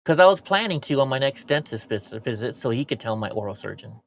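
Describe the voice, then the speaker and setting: Fairly quick and animated, this medium-pitched man rambles to his stream viewers. An American host missing his front teeth, he vents bluntly and casually, swearing as he goes in a candid, profane monologue.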